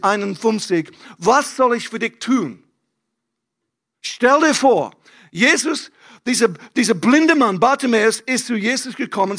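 A man preaching a lively, emphatic sermon from a church stage, using casual slang. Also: high-pitched. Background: faint keyboard music.

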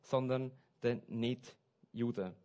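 A man preaching a sermon, switching between soft asides and loud, stressed points. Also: mid-range voice, slow. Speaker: pastor.

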